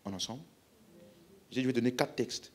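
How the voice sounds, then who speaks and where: A man's voice: medium pitch, moderate pace. A man with a French accent preaching a healing-service sermon, emphatically calling out questions to the congregation.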